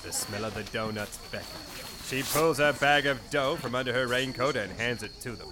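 A man's voice: mid-range voice, normal speed. A man narrating a comedy audio drama in a scripted, theatrical and wry storytelling manner.

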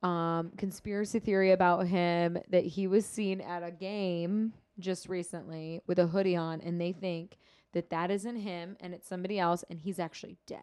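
A woman's voice: fairly low pitch, fairly even intonation, moderate pace, darkish tone, smooth. Chatty young woman podcast host. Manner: chatty, swears casually, gushing. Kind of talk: casual chat.

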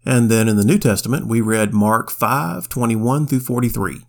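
A man's voice: medium pitch, normal speed, creaky. A man co-hosting a casual Bible study podcast, retelling scripture in folksy slang and quoting old King James wording. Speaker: podcast co-host reading the Bible.

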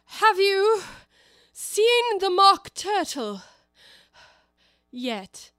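A woman's voice: extremely high pitch, very animated, fairly bright tone, no echo, studio quality, voice pushed up, exaggerated voice. A furious tyrant queen. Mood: imperious. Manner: shrieking, slow drawn-out commands. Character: shrill imperious female queen, furious tyrant.

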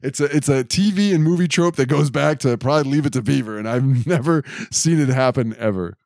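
A man's voice: mid-range voice, fairly quick, a little mellow, no room sound, clean studio sound. A man co-hosting a podcast in casual chat, recapping the plot and adding trivia. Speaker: podcast co-host.

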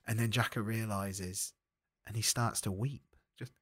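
A man's voice: lowish voice, measured pace, husky. A man co-hosting a comedy podcast, telling a rambling story in casual chat. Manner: animated storytelling, rambling, laughing. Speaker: podcast co-host.

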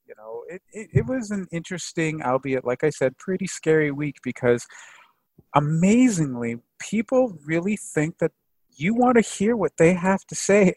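A man chatting casually as a podcast guest, telling anecdotes in an animated, jokey way. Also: a little high, no room sound, poor audio. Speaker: podcast guest, microbiology expert.

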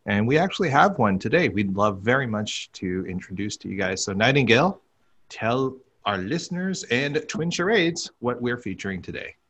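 A man's voice: medium pitch, animated, moderate pace, a bit bright. A man hosting a podcast who keeps the talk moving with questions for his guests. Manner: prompting with questions. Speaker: podcast host. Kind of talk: casual interviewing.

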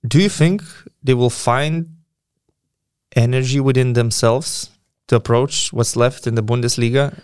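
Opinionated man talking sport, crisp and clear. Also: mid-range voice, a little slow, darkish tone, no echo, clean studio sound. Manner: opinionated, emphatic, repeats points. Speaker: basketball podcast co-host. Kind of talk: casual sports discussion.

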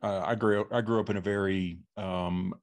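Very low-voiced man, middle-aged, from texas, halting, lots of fillers, casual guest talk. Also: steady tone. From Texas, USA. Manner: halting, many fillers and restarts. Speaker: podcast guest. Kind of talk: casual interview storytelling.

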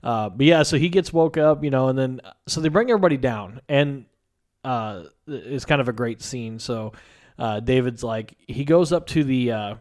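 A man in casual chat, animatedly retelling a movie's plot and acting out its lines. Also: mid-range voice. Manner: animated storyteller, acts out characters' lines.

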